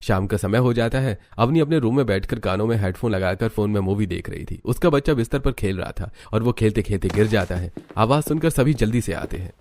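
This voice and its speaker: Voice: medium pitch, brisk, few pauses. मध्यम सुर का कथावाचक, कार्टून कहानी को सहज, लिखे हुए अंदाज़ में पढ़ता हुआ।. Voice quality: even, storytelling. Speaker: narrator. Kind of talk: scripted story narration.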